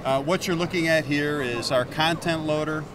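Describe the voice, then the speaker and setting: A company executive in his fifties pitches his product with upbeat energy in a busy indoor expo hall, pointing at the hardware as he goes. His voice is slightly high and moderately paced, caught on a handheld mic held by an interviewer against a noisy background.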